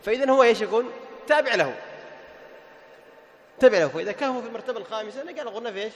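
High-voiced male recitation teacher, reverberant hall. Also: animated. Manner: quizzes students with quick rhetorical questions, then repeats the answer; chants short recited examples in a melodic voice. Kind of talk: classroom lesson on recitation rules. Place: classroom with students present.

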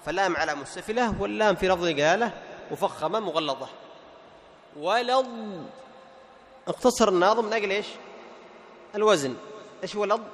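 A man teaching Quran recitation rules, asking and answering his own questions and slowly reciting examples. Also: sits high, a bit bright. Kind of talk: tajweed lesson with recited examples. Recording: long hall reverb.

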